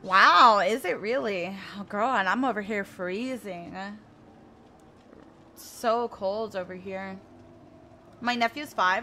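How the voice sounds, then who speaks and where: An American woman in her twenties chats casually with her stream viewers as she plays, laughing often and reading their messages aloud. Her mid-range voice has a sharp tone, with slight background noise.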